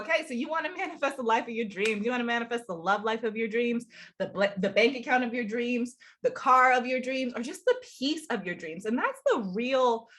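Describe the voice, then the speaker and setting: A spiritual coach and channel host, this young adult woman has a fairly high, fairly bright voice that sounds congested. She chats casually and upbeat to camera, laughing frequently.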